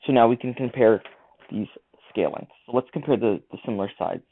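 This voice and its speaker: A man's voice: mid-range voice, brisk, slightly rough. A man teaching a math lesson, talking through each step of the working aloud. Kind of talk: screen-recorded lesson walkthrough. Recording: tinny lo-fi mic.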